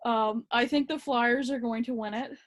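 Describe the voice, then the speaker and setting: A woman talks hockey on a casual podcast, her voice sitting a little on the high side. She is relaxed and a bit hesitant, often filling pauses with ums. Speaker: podcast co-host.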